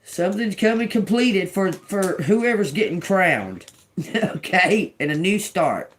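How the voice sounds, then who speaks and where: A woman in her fifties reads tarot cards for her viewers in a slow, unhurried way, her voice sitting at an ordinary middle pitch. She talks emphatically and chattily and calls her audience y'all. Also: expressive, a little hiss or hum. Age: 50s. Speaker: tarot reader. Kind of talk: casual tarot reading to viewers.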